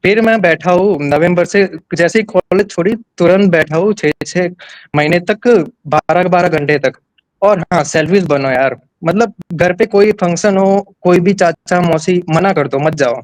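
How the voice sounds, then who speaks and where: A man's voice: high voice, measured pace, no room sound, low-quality recording. Candid young man from Gujarat. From Gujarat, India. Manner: candid, plain, many restarts. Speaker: exam topper, nurse. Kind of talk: casual interview.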